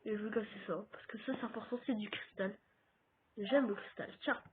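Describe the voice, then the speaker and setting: Speaking a little fast in a steady, high-pitched tone, a gaming YouTuber with a French accent chats to his viewers mid-play. The recording is tinny and phone-like, with a bit of hiss or hum.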